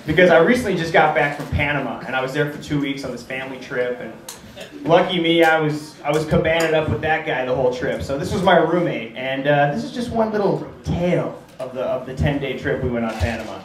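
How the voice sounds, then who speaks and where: A young man doing excitable, crude stand-up storytelling on a comedy club stage. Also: fairly high pitch, brisk. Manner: excitable, crude, laughing through the telling. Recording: roomy club sound from a distance.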